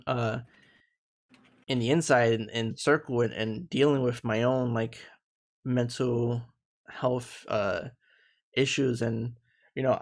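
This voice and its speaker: A man in his thirties with a gravelly, mid-range voice hosts a casual live panel discussion. He comes across as earnest and reflective, often restarting his sentences.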